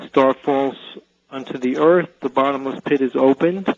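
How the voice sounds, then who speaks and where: Radio call-in caller: a man on a dull phone line who picks his words with care and pauses often. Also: medium pitch, gravelly, no echo. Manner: hesitant, careful, pauses often. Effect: caller heard over a phone line on radio. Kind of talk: call-in question to radio pastors.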